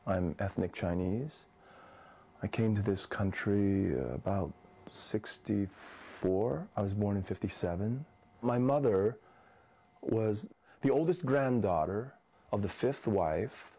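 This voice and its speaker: Slow, gravelly-voiced poet in his fifties. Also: lowish voice, warm tone. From Indonesia. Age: 50s. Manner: slow, measured, thoughtful. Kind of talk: poetry reading and personal account.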